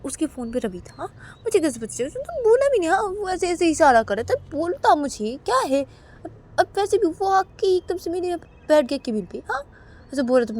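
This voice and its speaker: A woman voicing an indignant older sister in a home-made storybook tale, scolding with shrill questions.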